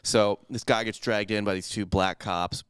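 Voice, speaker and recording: A man on a podcast telling a rambling, crude story in a deadpan way during a casual chat. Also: lowish voice, normal speed, clear, resonant tone, no room sound, clean studio sound.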